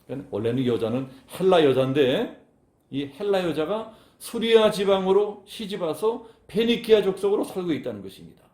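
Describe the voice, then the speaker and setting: A man's voice: high-pitched, very animated, a little fast, a little mellow, roomy sound. A male pastor preaching a sermon, talking conversationally to the congregation and acting out quoted lines with a raised voice. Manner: conversational, talks directly to the congregation.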